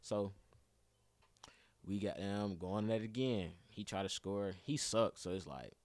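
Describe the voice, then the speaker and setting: Laid-back young man with a low voice. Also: a little slow, no echo. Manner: animated storytelling, acts out other people's lines; heavy slang, laughs often. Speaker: guest telling a story. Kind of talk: casual chat.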